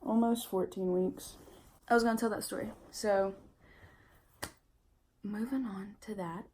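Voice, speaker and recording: A woman's voice: medium pitch, fairly even intonation, measured pace, a little mellow, slight background noise. A young pregnant woman giving a casual vlog update, candid and chatty, full of "like" fillers, sounding tired. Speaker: vlogger.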